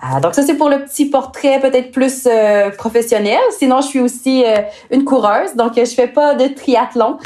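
A woman with a Québécois accent, speaking as a guest in a casual podcast interview, pausing often with filler sounds. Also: sits high, warm tone. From Quebec. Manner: hesitant, many filler sounds, drawn-out phrasing. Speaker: sports nutritionist guest.

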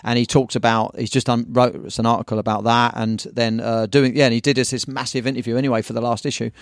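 Casting: English man, rapid rambling storyteller, slangy, dry close mic. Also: mid-range voice, flat delivery, gravelly, no echo. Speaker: guest, surf magazine owner. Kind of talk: casual podcast chat.

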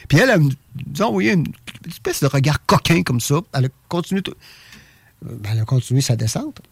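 A man with a Québécois French accent tells a personal story in a casual, animated way, stumbling over and repeating his words. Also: on the high side, a little fast, vocal fry, breathy edge, no room sound. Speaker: guest telling an experience.

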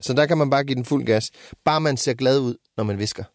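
A man's voice: medium pitch, no room sound, studio quality. A man and father in casual chat, telling rambling anecdotes and swearing freely. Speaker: podcast co-host and father.

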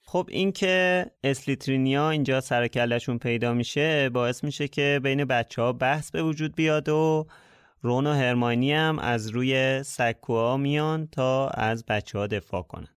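A man's voice: medium pitch, smooth, dry recording. A man, a podcast co-host, explaining a book's plot in a casual, matter-of-fact way. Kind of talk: casual chat about a book.

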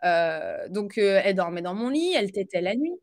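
A woman guest on a podcast, talking casually about her life in a halting way full of fillers and restarts, and laughing easily. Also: medium pitch, sing-song, darkish tone. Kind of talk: casual conversational interview.

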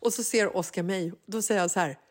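A woman in her forties co-hosting a chat show, telling a story with lively energy and acting out what people said in a higher voice. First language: Swedish. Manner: animated storyteller, acts out quotes in a high voice. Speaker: podcast co-host. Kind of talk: casual chat.

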